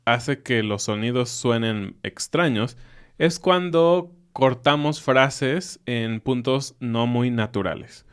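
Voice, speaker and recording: Man, podcast co-host, casual teaching, repeats words with emphasis, mid pitch. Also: slow, clear, resonant tone.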